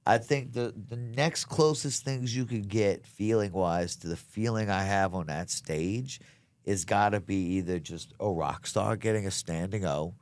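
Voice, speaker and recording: Low-voiced man, earnest and slangy. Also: a little slow, a little mellow, no echo. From south Louisiana, United States. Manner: earnest, emphatic, slangy, peppers talk with "man" and "bro". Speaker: comedian being interviewed. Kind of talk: casual chat.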